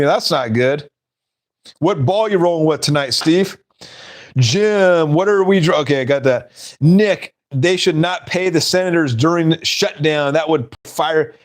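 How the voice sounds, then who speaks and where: A man hosting a casual live stream, rambling and laughing at his own stories. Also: fairly high pitch.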